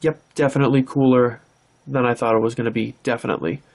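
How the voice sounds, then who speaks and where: A man hosting his channel, chatting casually off camera while opening trading card packs and breaking into excited exclamations. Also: mid-range voice, fast talker. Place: indoors, filming from behind the camera.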